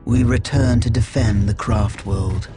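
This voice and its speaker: A man's voice: on the low side, a little slow, close to an everyday voice. A man voicing a proud, solemn alien wandering warrior in a video game, stately and earnest. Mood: solemn pride. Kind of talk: video game unit voice lines. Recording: loud game music behind. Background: loud music.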